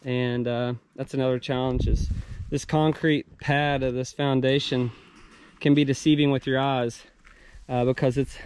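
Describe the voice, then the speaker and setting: A man's voice: medium pitch, a little hiss or hum. A young man filming a casual vlog outdoors on a ranch, explaining a construction job step by step with many ums and restarts. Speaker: rancher and vlogger. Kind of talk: casual on-site vlog narration. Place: outdoors on a ranch building site. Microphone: handheld action camera at arm's length.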